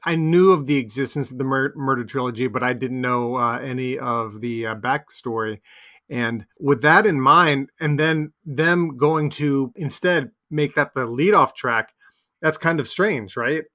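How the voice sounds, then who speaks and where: A man co-hosting a podcast, talking about an album in a relaxed, conversational way with plenty of fillers. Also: mid-range voice, unhurried. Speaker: podcast co-host. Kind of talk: casual music chat.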